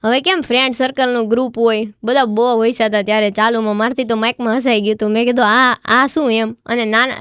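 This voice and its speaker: A young woman, a folk singer telling stories in a casual podcast interview, chatty and animated, repeating phrases for emphasis. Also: a little high, clear, resonant tone, no echo, clean studio sound. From Gujarat. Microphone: studio podcast mic.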